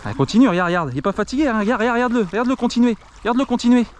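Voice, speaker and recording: Excitable man filming himself from a kayak. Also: very high voice, rapid-fire, slight background noise. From France. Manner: excitable, exclaims constantly, talks to the camera and the fish. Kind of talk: excited vlog commentary. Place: on a kayak on a river, outdoors. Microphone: action camera.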